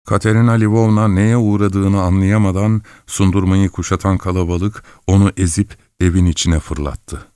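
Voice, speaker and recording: A man narrating a classic novel as an audiobook in a steady, measured reading. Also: deep voice, clear, resonant tone, no room sound, studio quality. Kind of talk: scripted narration.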